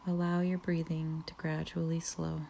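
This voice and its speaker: A woman leading a guided relaxation meditation, speaking softly with frequent whispered phrases and long pauses. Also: low-pitched, monotone, vocal fry, a little hiss or hum. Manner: slow, soft, partly whispered, soothing pauses.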